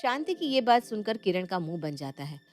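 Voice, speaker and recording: A woman narrates a scripted storybook tale at an even, steady pace. Her voice sits in an ordinary middle range. Soft music plays underneath. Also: mid-range voice, fairly quick, dry recording.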